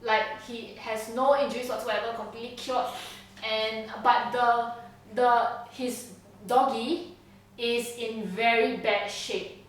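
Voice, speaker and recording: Acting as game master, a woman narrates a tabletop game in a casual, chatty way, laughing often and checking in with her players by asking "okay?" Her voice is a little high, slow, and fairly even in intonation. The distant mic picks up roomy echo and slight background noise.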